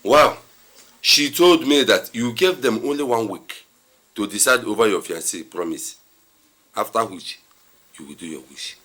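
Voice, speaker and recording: An actor with a Nigerian accent playing a stern older church elder, measured and scolding. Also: male voice, fairly low pitch. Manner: measured, calming, then scolding. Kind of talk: film drama acting.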